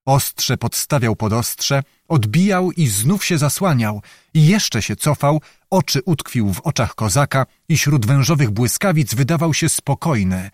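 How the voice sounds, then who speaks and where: A man's voice: mid-range voice, lively intonation, a little mellow, no echo, clean studio sound. Man narrating a novel dramatically. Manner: measured, dramatic storytelling. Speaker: audiobook narrator. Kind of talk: scripted narration of a historical novel.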